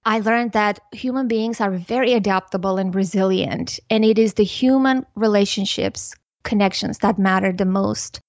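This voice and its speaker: A woman, a guest on a podcast, speaking in an earnest, measured, thoughtful way. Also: mid-range voice, no echo. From Armenia. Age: 40s. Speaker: podcast guest, parenting educator. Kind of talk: reflective interview talk. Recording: slightly muffled dry recording.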